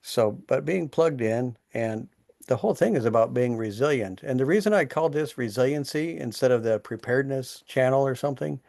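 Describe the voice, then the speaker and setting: A man's voice: mid-range voice, animated, a little fast, gravelly, a little mellow, clean studio sound. A man hosting an online town hall, talking in a plainspoken, earnest way about community and caring for people. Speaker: host, resiliency leader.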